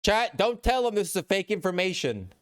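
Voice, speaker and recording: A man's voice: high voice, big pitch swings, brisk, smooth. A man streaming live, chatting casually with his chat in a rambling way and reading posts aloud.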